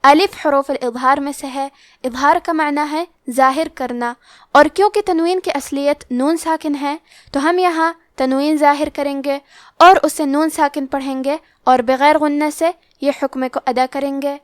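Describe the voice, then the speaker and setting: A woman with a Pakistani Urdu accent teaching Quran recitation rules, explaining each one in a measured way and then reciting the words slowly. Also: sits high, fairly even intonation, no echo, studio quality. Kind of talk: tajweed lesson with slow recitation.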